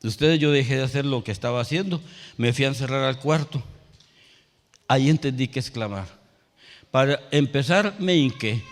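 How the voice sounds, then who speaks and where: A male pastor preaching a sermon. He tells a personal story and rises to loud, emphatic calls. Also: medium pitch, moderate pace, pauses often, big-room sound. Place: church sanctuary.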